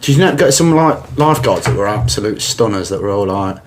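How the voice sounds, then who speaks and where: A man's voice: on the low side, expressive, slight background noise. A man from England with an East Midlands accent, hosting a casual podcast and teasing his guest with sweary banter. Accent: English East Midlands. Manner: teasing, sweary, quick to laugh. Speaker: podcast host.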